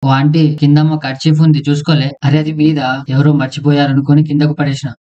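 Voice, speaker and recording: Man voicing cartoon buddies, rowdy, teasing, fast, slightly high, muffled, noisy. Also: flat delivery. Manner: rowdy, teasing, crude banter. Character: bickering young village friends and bus folk. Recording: muffled, dull, noisy sound.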